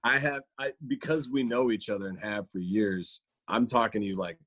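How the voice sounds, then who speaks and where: A man guesting on a comedy podcast, speaking in a fairly low voice. The sound is close and dry. He tells stories reflectively and slips into playful voices now and then. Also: moderate pace, a bit bright, dry recording. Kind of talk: casual chat.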